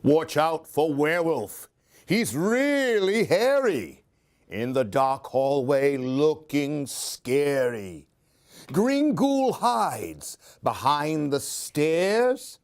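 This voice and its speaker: Pitched on the high side, this man's voice swings widely and moves very slowly. He's a storyteller hosting a children's book show, acting out Halloween picture books aloud with questions and side comments for the kids.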